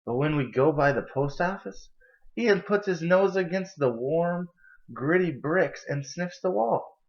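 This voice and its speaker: In an indoor kitchen and living room, a young adult man serves as storybook reader, narrating a children's picture book aloud. His slightly high voice is animated yet measured in pace. A camera mic captures it with dull, lo-fi audio.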